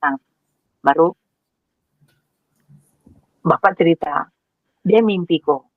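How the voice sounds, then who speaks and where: A woman telling her personal story with animated emotion, acting out what people said and repeating words as she goes. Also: low voice, slow, dry recording. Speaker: guest sharing her conversion story. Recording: dry, tinny phone-like sound.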